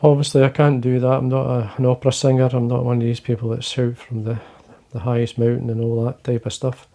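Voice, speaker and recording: A low, quiet, gravelly voice with a mellow edge belongs to this older Scottish man, who hosts fly-fishing videos from an indoor fly-tying desk. Speaking fairly quickly in a level tone, he rambles casually to camera, restarting often and using many fillers.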